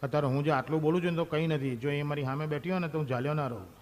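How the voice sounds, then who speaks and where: High-voiced man doing stand-up. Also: very fast, darkish tone, slight background noise. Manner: chatty, addresses the audience directly. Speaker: stand-up comedian. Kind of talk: stand-up comedy monologue.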